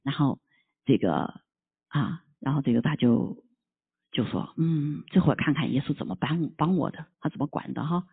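A preacher tells a sermon parable with lively acted-out sound effects and keeps checking in with rhetorical questions. The voice sits at a middling pitch and comes through a narrow, tinny, phone-like channel. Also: normal speed, creaky, slightly rough. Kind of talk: storytelling sermon.

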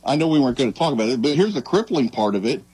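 A man talking casually on a sports show in an earnest, halting, reflective way. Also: medium pitch, big pitch swings, a little mellow, slightly rough, no room sound, poor audio.

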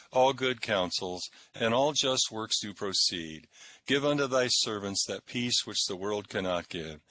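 A man recites liturgy as a minister in a low, crisp-edged voice. His delivery is solemn and measured. The sound is dry, with little room around him. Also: sharp tone, no room sound. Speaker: minister leading evening prayer and preaching.

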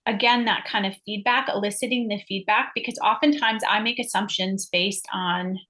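A middle-aged woman, a guest on a podcast, talking reflectively and thinking aloud in a relaxed interview. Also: mid-range voice, moderate pace.

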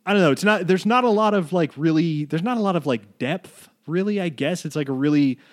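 A man with a fairly high voice co-hosts a podcast, talking a little fast. The conversation is casual, wandering loosely through films with plenty of swearing.

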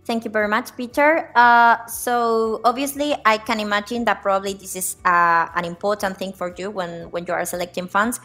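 A woman hosts an interview podcast at a mid-range pitch, reading her introductions formally. Her questions come out a bit halting, with repeated words and "uh" fillers. Faint music plays beneath her voice. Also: steady tone, fairly bright tone. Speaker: podcast host. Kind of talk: scripted podcast hosting.

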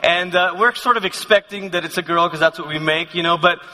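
Bright-voiced guy from malaysia, chatty sermon vibe, lots of self-deprecating restarts, hall echo. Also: high voice, brisk. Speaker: conference speaker. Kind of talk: sermon, personal storytelling. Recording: long hall reverb.

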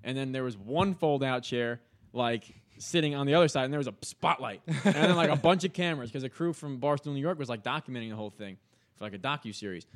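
A man's voice: mid-range voice, fast talker. A young man, a podcast guest, telling a story in a casual, slangy way and acting out what people said. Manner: animated, slangy, acts out quoted voices.

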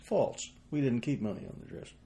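Older dad on a podcast, dry and short with his answers, ordinary pitch. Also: lively intonation, fairly quick, dark tone. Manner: dry, brief replies. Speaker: guest, host's father. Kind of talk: casual chat.

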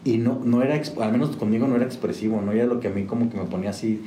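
A man's voice: medium pitch, steady tone, very fast, dark tone. A man, a musician telling stories casually, rambling with many restarts and fillers. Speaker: musician guest. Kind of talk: casual storytelling. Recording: echoey room with faint noise.

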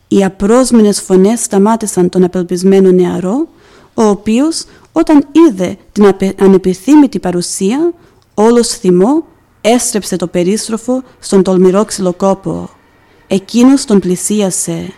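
Warm-voiced woman reading a devotional. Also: mid-range voice. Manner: measured, solemn reading with emphatic pauses. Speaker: podcast presenter. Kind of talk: scripted devotional narration.

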